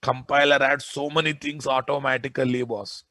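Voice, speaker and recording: A man's voice: mid-range voice, level tone, normal speed, sharp tone, dry recording. A man with a Telugu Indian accent giving an informal technical lesson as a programming lecturer, insistent and often putting questions to his students.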